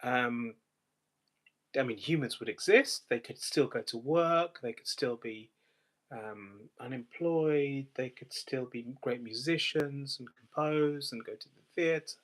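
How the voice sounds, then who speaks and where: A man's voice: mid-range voice, slow, a bit bright. A man hosting a live stream, thinking aloud in a rambling, speculative monologue full of restarts.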